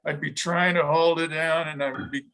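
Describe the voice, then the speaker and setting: A middle-aged man, a guest in an interview, talking reflectively with frequent pauses, fillers and restarts. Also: a little high, flat delivery, creaky, fairly bright tone, poor audio. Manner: halting, thoughtful, many restarts and fillers. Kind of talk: reflective conversation.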